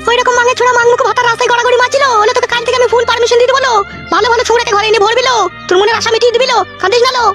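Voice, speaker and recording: A woman's voice: very high voice, level tone, very fast. A woman playing a coarse, bossy middle-aged mother who scolds and mocks her family in a comic sketch. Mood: mocking. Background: music.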